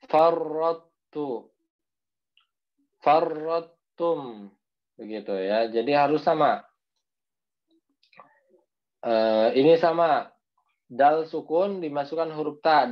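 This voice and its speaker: A man teaching Quran recitation in an online class, explaining patiently and drawing out each recited word slowly. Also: medium pitch, dull audio. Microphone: video call.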